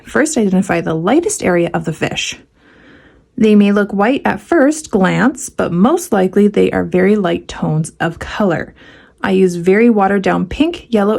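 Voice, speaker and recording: A woman's voice: medium pitch, gravelly, a little mellow. A woman hosting a casual painting tutorial in her home studio, reading out steps and breaking in with sarcastic, playful asides. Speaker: art tutorial host.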